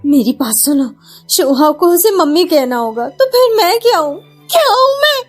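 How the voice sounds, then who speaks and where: A woman dubbing a jealous young mistress with a shrill voice and a Hindustani accent. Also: very animated, normal speed, soft background music. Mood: jealous rage. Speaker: dub actor. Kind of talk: dubbed drama acting.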